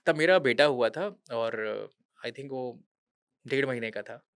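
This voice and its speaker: A man in his thirties who works for a veterans' charity appears as a podcast guest, earnestly recounting a true story in a conversational interview and slipping English words into his speech. His mid-range voice is smooth and unhurried, recorded in studio quality with no room sound.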